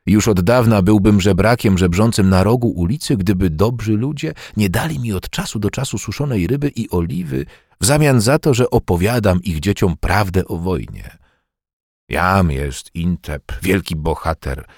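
A man's voice: sits low, expressive, normal speed, darkish tone, no echo, studio quality. A man reading an audiobook, voicing a bitter, toothless, one-armed old war veteran who speaks with scorn. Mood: boastful lament. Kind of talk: audiobook character voice.

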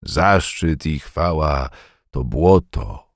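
A man's voice: extremely low pitch, expressive, drawn-out words, no echo, clean studio sound, heavily acted. A man reading an audiobook, voicing a bitter, toothless, one-armed old war veteran who speaks with scorn. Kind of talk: audiobook character voice.

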